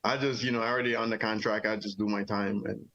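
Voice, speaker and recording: A middle-aged army veteran from Jamaica, with a lowish voice, shares his story quickly in a casual, lo-fi interview. Relaxed and rambling, he sprinkles in plenty of "you know" fillers.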